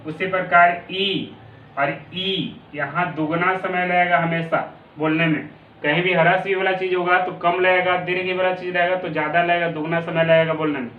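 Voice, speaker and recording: A fairly quick male teacher with a high voice and little pitch movement teaches a classroom lesson in a Bihari Hindi accent. He repeats definitions and draws out sounds, heard through a distant, tinny phone-like mic in an echoey room.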